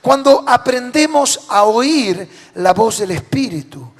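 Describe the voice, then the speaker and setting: A man with a Rioplatense Spanish accent and a very high speaking voice delivers a sermon, questioning his congregation. He swings from loud declarations down to soft, low phrase endings. His voice carries a long reverb from a large church hall. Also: expressive, takes it slowly. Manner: preaching with rhetorical questions to the congregation. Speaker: pastor.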